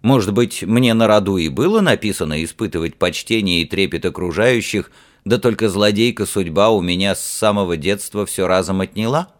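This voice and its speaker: A man's voice: fairly low pitch, brisk, close to an everyday voice. A man reading an audiobook, voicing a serious, plain-spoken ship's officer who is tired after a hard night. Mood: earnest. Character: earnest, weary male ship's officer and mage.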